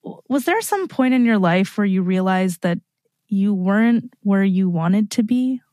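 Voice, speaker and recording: A woman's voice: mid-range voice, expressive, measured pace, warm tone. A woman in her twenties, a podcast producer and co-host, asking curious questions and reading introductions. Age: 20s. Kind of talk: interviewing and scripted introduction.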